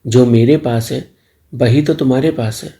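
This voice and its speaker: A shy, easily flustered young man in a spoken storybook, as a man reads him. He protests and fusses in a deep, gravelly, mellow voice. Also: moderate pace, natural voice. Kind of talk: storybook dialogue.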